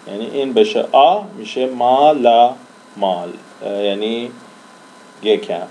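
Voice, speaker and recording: A man's voice: fairly low pitch, dark tone, a little hiss or hum, rough recording. A man teaching a language lesson in casual Persian-language style, repeating and drawling example words as he writes.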